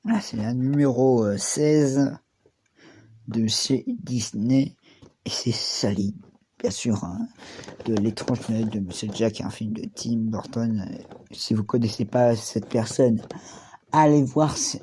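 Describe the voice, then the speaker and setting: A man's voice: mid-range voice, slow, dark tone, a little hiss or hum. A male YouTuber casually presenting collectible figures, rambling and drifting off topic with many restarts. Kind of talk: casual unboxing vlog.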